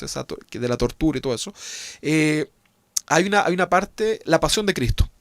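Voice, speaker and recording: A man's voice: on the high side, gravelly, no echo. A man pastor with a Chilean accent, preaching an emphatic sermon with rhetorical tag questions. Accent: Chilean Spanish.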